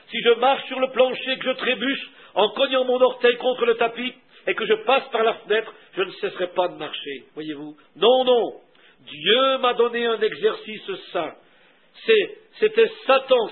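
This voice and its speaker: High-voiced preacher on a tinny line. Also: male voice. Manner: emphatic, slows down sharply on key phrases; repeats a questioning aside. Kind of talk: sermon read aloud. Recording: narrow phone-like sound.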